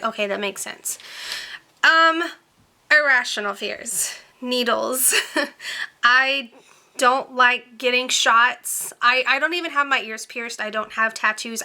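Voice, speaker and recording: A young woman talks straight to the camera in a relaxed Q&A vlog. Her voice is very bright and sits a little high. She rambles, filling her chatty answers with ums and likes. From born in Romania, raised in Tennessee. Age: 20s. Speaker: beauty vlogger. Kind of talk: casual Q&A chat to camera.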